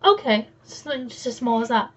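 A woman's voice: fairly high pitch, animated, a little fast, slightly rough. A woman co-hosting a hobby show in casual chat, mostly giving short agreeing replies. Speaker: co-host.

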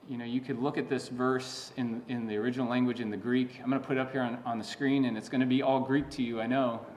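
A man's voice: fairly high pitch, a little hiss or hum. A man preaching a sermon as a pastor, teaching in an earnest, emphatic way with frequent restarts and asides.

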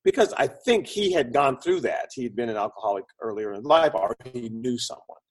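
Animated and a little fast, this man's medium-pitched, slightly rough voice carries his conversational storytelling as an interview guest. He's a film producer and script consultant who acts out quotes while explaining ideas.

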